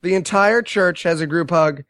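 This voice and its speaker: A man recapping a movie on a comedy podcast, sarcastic and animated, mocking the characters with quoted voices. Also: fairly high pitch, moderate pace, dry recording. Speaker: guest movie reviewer.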